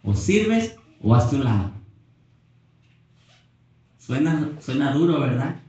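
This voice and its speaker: A man preaching a Pentecostal sermon, emphatic, rising to near-shouting when he reads Scripture, recorded on a phone from the back of a church. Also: mid-range voice, big pitch swings, slow pace, muffled recording. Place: church hall. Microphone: phone camera at a distance. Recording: echoey church, phone from far off.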